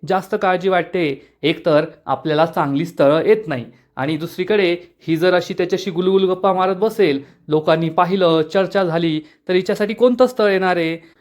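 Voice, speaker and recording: A man's voice: high voice, normal speed, darkish tone, natural voice. Male reader as a strict, scolding mother. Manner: scolding, furious. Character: angry strict village aunt and mother.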